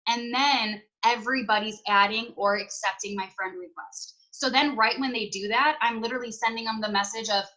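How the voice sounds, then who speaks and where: A woman's voice: on the high side, sharp tone, highs cut off. A woman on a video call giving chatty, upbeat tips to her team in a casual way. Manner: chatty, upbeat, talks fast with many "like"s and "you guys". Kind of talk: casual motivational team chat.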